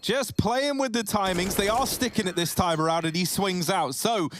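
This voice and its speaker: High-pitched male esports caster, play-by-play. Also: normal speed, noisy background. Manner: rising, emphatic delivery at key moments. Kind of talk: excited play-by-play esports commentary.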